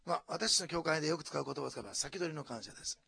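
A male pastor from preaching a sermon, dropping to hushed asides and then rising to loud, animated exclamations. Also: fairly high pitch, racing, gravelly, slightly rough. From Japan, Osaka.

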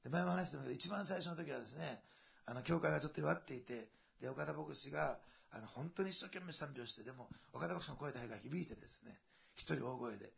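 A man preaching a sermon in a lively, conversational way, with asides and a lilt. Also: fairly high pitch, fast, creaky. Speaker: pastor.

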